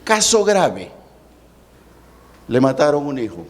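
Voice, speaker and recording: A man, a pastor preaching a sermon at a church service, with dramatic swings in pitch and slowed words for emphasis. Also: huge pitch swings.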